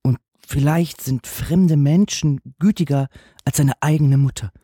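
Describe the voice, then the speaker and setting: A man voicing a meek, kind young stepdaughter in a storybook reading, speaking gently and timidly. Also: fairly high pitch, unhurried, slightly rough, no room sound, studio quality, voice pushed up.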